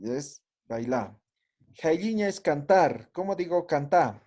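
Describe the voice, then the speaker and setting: Slow, patient male language teacher. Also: fairly high pitch, animated, darkish tone. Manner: patient, checks understanding with frequent tag questions. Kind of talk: classroom lesson.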